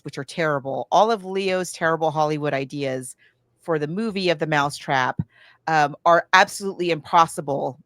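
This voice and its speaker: Retelling a movie in a chatty way, an American woman co-hosting a podcast keeps slipping into acting out its lines. She has a low, slightly bright voice, recorded dry at studio quality.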